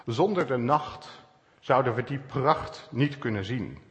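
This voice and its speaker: Reflective man preaching in a reverberant hall. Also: medium pitch. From Netherlands. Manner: calm, searching, with pauses and stresses. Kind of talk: reflective sermon.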